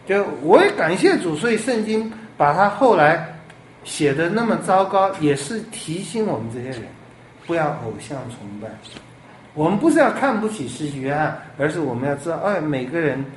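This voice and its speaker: Animated male pastor preaching. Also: fairly high pitch, slight background noise. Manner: animated, rhetorical questions, lively swings in loudness. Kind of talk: sermon. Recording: echoey room with faint ambience.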